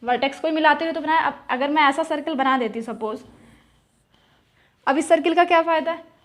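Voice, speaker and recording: A woman's voice: high voice, a little fast. A young woman teaching geometry, asking questions and answering them herself, repeating key terms in words. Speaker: math teacher. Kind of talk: explaining at a whiteboard.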